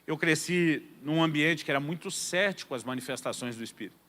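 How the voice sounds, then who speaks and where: A man preaching a sermon as a pastor, telling a personal story with humor and lively delivery. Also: fairly high pitch, brisk. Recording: long hall reverb.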